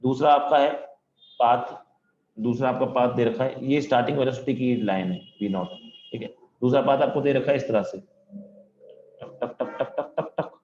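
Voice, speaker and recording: A man's voice: medium pitch, fairly quick, darkish tone, slight background noise. A man teaching physics online from home, talking in a joking, chatty way with his students. His voice sounds dull and a little muffled, and it echoes around the room. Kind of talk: online class lecture.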